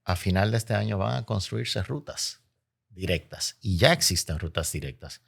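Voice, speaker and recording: A man with a Caribbean Spanish accent from the Dominican Republic speaks in a very low, creaky voice. He explains his points in an interview with oratorical emphasis, repeating key phrases. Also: lively intonation, normal speed, a bit bright. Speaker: interview guest, logistics expert.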